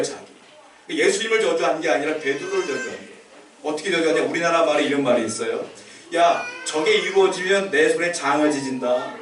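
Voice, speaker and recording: A male pastor delivers a lively sermon, slipping into the voices of the figures he tells about. His somewhat high voice carries through a roomy church sanctuary, picked up from a distant microphone, with a faint hum of room ambience behind him. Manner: animated preaching, acting out scripture voices.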